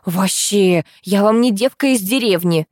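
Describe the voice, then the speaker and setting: A brash rich mother shrieks her demands in a high, piercing voice, as a woman reader puts her on. She is crude, bossy and indignant, and the reading sounds dry and close. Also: moderate pace, a little mellow, dry recording, lightly acted. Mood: ranting. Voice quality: shrill, shrieking. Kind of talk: audiobook reading.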